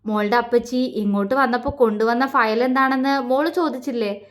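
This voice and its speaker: A woman voicing a kind, protective elder brother who speaks gently and teases a little. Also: on the high side, fairly quick, natural voice. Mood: gentle. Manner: gentle, reassuring, lightly teasing.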